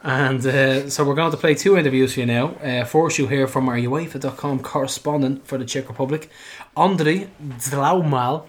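A man's voice: mid-range voice, steady tone, fairly quick, hardly any pauses. Chatty Irish man, casual podcast host. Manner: colloquial, chatty, joking. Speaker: football fan podcast host. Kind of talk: casual chat.

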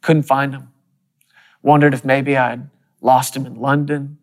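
A man preaching, telling a personal story in an animated way, with quick bursts and soft, quiet asides. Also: medium pitch, in a large hall. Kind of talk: storytelling sermon.

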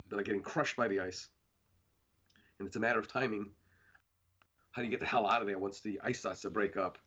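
A man's voice: fairly low pitch, a bit bright, breathy edge, lo-fi sound. A man, a painter being interviewed, talking in a rambling casual way with many fillers and restarts.

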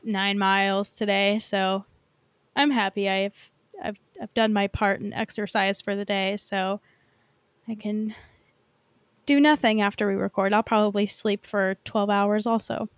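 The host of this podcast is an American woman whose informal, conversational delivery is sprinkled with "like." She has a mid-range, smooth voice with steady tone and a measured pace, recorded without echo.

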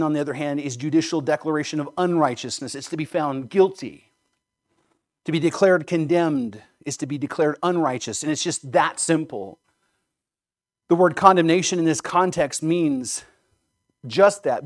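Male pastor, fairly high voice, earnest emphatic sermon delivery with rhetorical questions.

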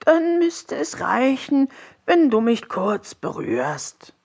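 A man's voice: very high-pitched, very animated, takes it slowly, voice pushed up, full character voice. A man putting on a wheezing, wise old troll frog. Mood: feeble. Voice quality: breathy, wheezing.

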